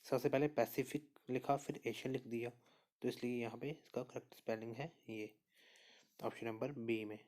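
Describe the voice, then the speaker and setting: A man teaches a recorded exam prep class at an even, middle pitch. He walks through each option calmly, repeats the right answer and keeps checking in with his students. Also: normal speed. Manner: steady explainer, repeats answers and says "okay" often. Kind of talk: spoken lesson walking through quiz answers.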